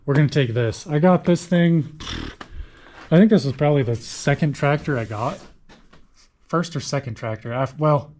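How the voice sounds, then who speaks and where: A young man chatting casually as he walks through his barn and shop showing off old tractors, folksy and quick to correct himself. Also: fairly high pitch, darkish tone, a little hiss or hum, poor audio. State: out of breath. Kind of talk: casual walkthrough talk.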